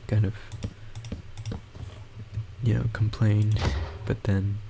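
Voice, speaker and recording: A young man, a college student, delivers a rambling personal monologue in a quiet, low, soft voice that is slow and close to monotone. He hesitates, halts, restarts, and circles back, dropping fillers into almost every sentence. His desktop mic, set to boosted gain, also catches a noticeable hiss and the sound of keyboard typing.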